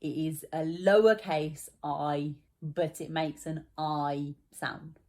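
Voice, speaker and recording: Young female teacher, low-ish voice, patient and encouraging, walks kids through spelling. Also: steady tone, slow, darkish tone. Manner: patient, encouraging, explains step by step. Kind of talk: children's spelling lesson.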